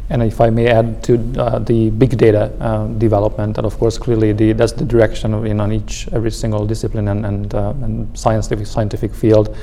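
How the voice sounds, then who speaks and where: A man speaking earnestly and haltingly as a researcher in a panel discussion. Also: lowish voice, monotone, dark tone, big-room sound, slight background noise.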